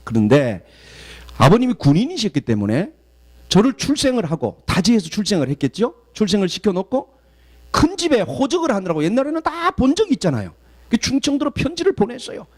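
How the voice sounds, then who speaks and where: A man from southeastern Korea, a guest pastor preaching a sermon and telling stories in an animated way. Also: sits high, a little fast. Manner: animated storytelling, acts out quoted voices.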